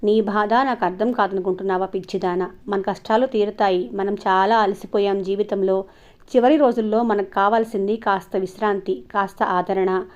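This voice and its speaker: A woman's voice: mid-range voice, steady tone, moderate pace, lightly acted. Lady doing a patient husband talking his wife down, soothing, kinda dull audio. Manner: soothing, advising. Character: calm older husband and father, patient.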